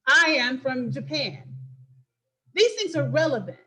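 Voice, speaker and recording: A woman hosting an impassioned political talk, emphatic and preachy, with quick asides. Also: sits high, sing-song, bright, forceful tone. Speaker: host and political commentator.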